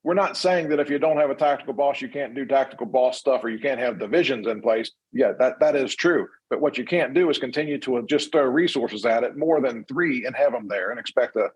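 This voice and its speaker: A man's voice: mid-range voice, fairly quick, hardly any pauses, husky, lo-fi sound. An American man talking as a fire service instructor in an unscripted discussion, explaining in a conversational way.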